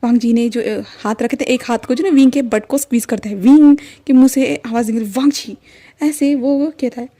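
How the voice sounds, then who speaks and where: Woman storyteller, chatty fan-fiction narration, higher voice with a mellow warmth. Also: fairly quick, hardly any pauses. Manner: chatty, heavy with fillers and English words.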